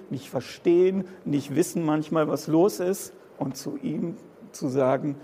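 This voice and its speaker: Gravelly-voiced man preaching in a hall. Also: fairly high pitch, warm tone. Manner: impassioned, repeats phrases for emphasis. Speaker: pastor. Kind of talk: sermon. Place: church hall.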